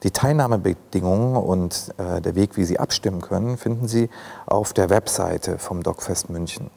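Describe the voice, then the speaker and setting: In an ornate hall indoors, a man in his forties with a German accent leads a festival film talk, thoughtful and hesitant, with plenty of fillers. He speaks at a normal speed in a low, gravelly, slightly mellow voice.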